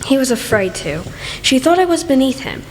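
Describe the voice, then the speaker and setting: A woman's voice: high-pitched, big pitch swings, moderate pace. A woman acting in an amateur radio play as a forlorn, bitter young maid, with a plaintive, wounded manner. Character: young servant girl, forlorn deserted secret wife, bitter. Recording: echoey hall with faint noise.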